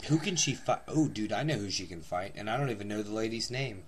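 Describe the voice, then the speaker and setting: A man's voice: on the low side, expressive, quick pace, breathy edge. A man co-hosting a podcast in casual chat, blunt and profane, grumbling and teasing his partner. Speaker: podcast co-host.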